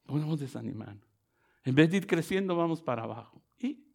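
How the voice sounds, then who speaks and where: Gravelly high-voiced male preacher. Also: lively intonation, a little fast. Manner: rising to loud emphatic preaching, addresses listeners as brother. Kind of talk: sermon.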